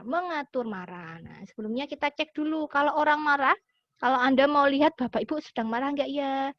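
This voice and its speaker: A woman giving a lively lesson to schoolchildren, acting out little example phrases as she explains. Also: sits high, dry recording. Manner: animated, acts out example phrases. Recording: dull, dry lo-fi sound.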